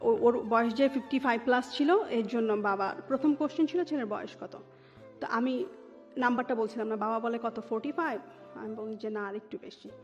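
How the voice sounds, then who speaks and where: A woman with a Bangladeshi accent shares her story conversationally in an interview, switching English words into her Bengali. She speaks briskly in a somewhat high, slightly mellow voice. Long reverb, dull sound, and background music mark the recording.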